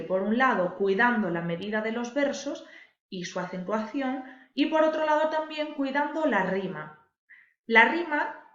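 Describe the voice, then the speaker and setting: A woman teacher with a somewhat high, slightly bright voice patiently explains a lesson, leaning on key words for her viewers. The recording sounds dull and lo-fi, with an echoey room.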